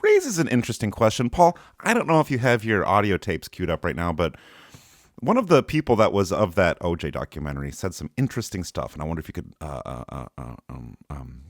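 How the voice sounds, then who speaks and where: A man with a fairly low voice hosts a casual podcast and jokes his way through word clues. His pitch swings widely from line to line. The sound is dry and close to the mic. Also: sing-song, fairly quick, no room sound. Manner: joking, gives playful word clues. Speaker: podcast host. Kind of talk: casual chat.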